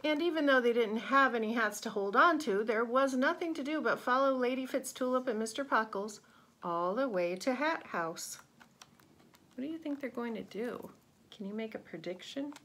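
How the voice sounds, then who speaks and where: A woman reading a children's picture book aloud, expressive and pausing to ask young listeners questions. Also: fairly high pitch. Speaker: read-aloud narrator.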